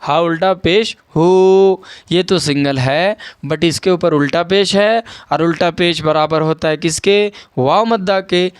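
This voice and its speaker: High, clear-voiced man teaching Qaida reading. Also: dry recording, clean studio sound. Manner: patient, spells letters out slowly and repeats. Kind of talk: online Qaida reading lesson.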